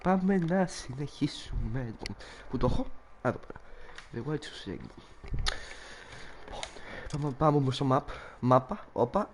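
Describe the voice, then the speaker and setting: A man's voice: medium pitch, lively intonation, long pauses, slight background noise. A young man chatting playfully and rambling as he streams himself playing a game. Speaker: gameplay streamer. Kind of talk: casual live commentary over a game.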